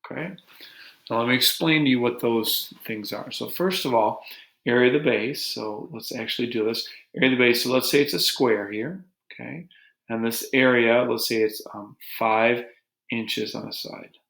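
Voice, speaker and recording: A man teaching a geometry lesson to his students in a relaxed, joking way, talking as he draws. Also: mid-range voice, normal speed, gravelly. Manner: relaxed, joking, talks while drawing on a board. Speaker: math teacher. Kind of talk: recorded math lesson. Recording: echoey room.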